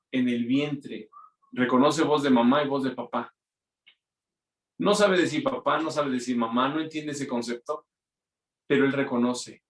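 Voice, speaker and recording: A man's voice: mid-range voice, distant mic. A man preaching a conversational sermon as pastor, often acting out quoted voices. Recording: roomy echo, mic from afar.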